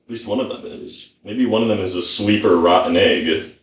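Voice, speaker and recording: Man, lowish voice, casual home-cook chatter, foul-mouthed muttering, echoey room. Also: moderate pace. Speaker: home cook filming himself. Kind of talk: casual rambling cooking chat. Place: indoor kitchen. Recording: roomy, echoey indoor sound.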